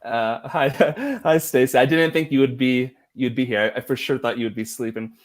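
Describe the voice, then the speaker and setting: Man, livestream host, casual rambling chat, mid-pitched voice, easy laughs. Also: brisk. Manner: relaxed, rambling, laughs easily.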